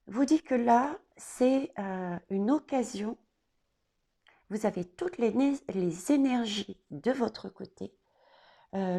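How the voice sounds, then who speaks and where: Slow, gravelly woman reading cards. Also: a little high, mellow. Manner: hesitant, many fillers and restarts, addresses viewers directly. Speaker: oracle card reader. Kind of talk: casual spoken card reading.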